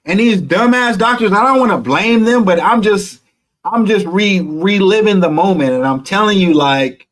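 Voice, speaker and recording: A man's voice: high voice, expressive, moderate pace, a bit bright. A man vlogging a personal story to viewers, candid and emotional, swearing freely.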